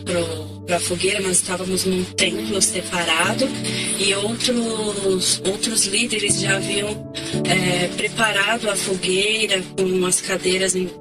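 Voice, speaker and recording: A woman recounts her testimony as a camp counselor, speaking in a steady storytelling manner at a middle pitch. Loud music runs underneath her voice the whole time. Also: takes it slowly. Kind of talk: personal testimony narration.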